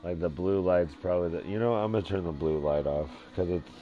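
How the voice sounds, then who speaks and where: A man with a very deep voice rambles to his live-stream audience from his dim living room. He talks in a drowsy, sleepy monotone. The audio is dull and lo-fi, with faint music playing behind him. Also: a little fast.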